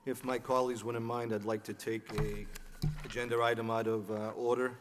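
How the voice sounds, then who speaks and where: A man chairing a city license commission hearing, formal and procedural, with halting fillers and restarts, in a courtroom-style recording from a public chamber. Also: medium pitch, flat delivery. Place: city hall meeting chamber. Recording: reverberant chamber with faint background noise.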